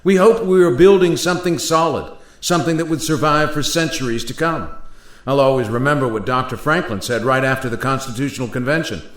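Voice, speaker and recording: A man's voice: mid-range voice, fairly quick, close to an everyday voice. An actor playing Thomas Jefferson in a radio play as a courteous, earnest statesman, speaking formally, in a roomy recording. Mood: earnest, reflective. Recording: roomy echo.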